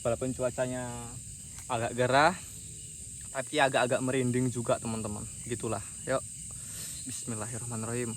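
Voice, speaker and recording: A man's voice: medium pitch, level tone, normal speed, pauses often. A man chatting casually to viewers as host of an outdoor night camping vlog. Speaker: host of a camping horror channel. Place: outdoors at a night campsite under bamboo. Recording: clear night insect noise around voice. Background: crickets and insects.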